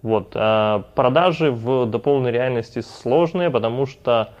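At normal speed and in a mid-range voice, a man who is a company founder and CEO rambles casually as a podcast guest, restarting often and leaning on fillers. The audio comes across dull.

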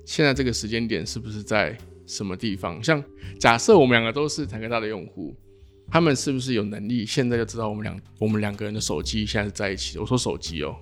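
Male podcast host, lowish voice, musing conversational tone. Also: fast, soft background music. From Taiwan. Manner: musing, thinks aloud, wraps up topics.

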